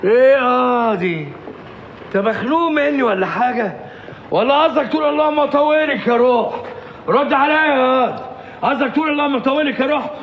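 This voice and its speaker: A man's voice: extremely high pitch, fairly quick, roomy sound. An actor with an Egyptian accent playing a man who teasingly scolds a sulky lad in an old film comedy. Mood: teasing scolding. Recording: dull lo-fi film clip with noise.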